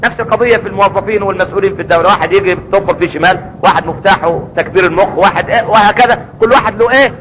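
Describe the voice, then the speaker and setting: A man's voice: high-pitched, rapid-fire, few pauses, fairly bright tone, long reverb tail, slight background noise, poor audio. A man with an Egyptian accent preaching a sermon, emphatic, asking rhetorical questions and answering them himself. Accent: Egyptian Arabic.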